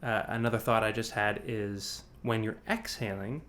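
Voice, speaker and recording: His voice sits lowish and fairly bright, moving at a normal speed, as this vocal coach runs an online singing workshop by video call. He talks through breath support in a meandering way full of restarts, demonstrating sighs and sung examples.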